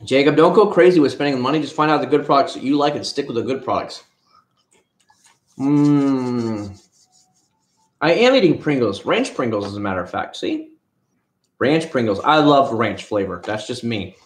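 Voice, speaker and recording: A man from Florida hosts a casual livestream, wandering from topic to topic and retelling what he told people. His voice sits at an ordinary pitch. The sound has a noticeable room echo. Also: animated, moderate pace, long pauses. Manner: rambling, chatty, retells conversations. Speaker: livestream host. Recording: echoey room.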